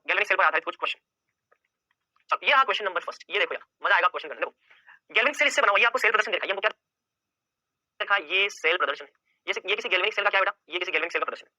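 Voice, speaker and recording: A man's voice: high-pitched, bright, forceful tone, no room sound, poor audio. A male chemistry teacher giving an exam-prep lecture, firing off questions and answering them himself and repeating key points over and over.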